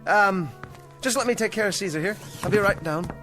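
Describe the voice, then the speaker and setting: In a 1960s television drama, an actor plays a struggling, down-on-his-luck male ventriloquist who sounds eager, fretful, and anxiously upbeat. His voice sits high, brisk and fairly bright, with faint music behind him.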